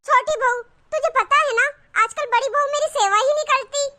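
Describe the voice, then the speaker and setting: A woman's voice: very high-pitched, moderate pace, bright, forceful tone. A woman voicing a nagging, suspicious, self-pitying older mother-in-law in a cartoon, scolding and groaning dramatically. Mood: sweet. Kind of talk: cartoon voice acting.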